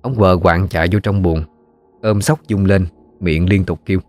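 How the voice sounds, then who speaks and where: A man with a Southern Vietnamese accent narrating a ghost story in a steady, folksy way. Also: sits low, moderate pace.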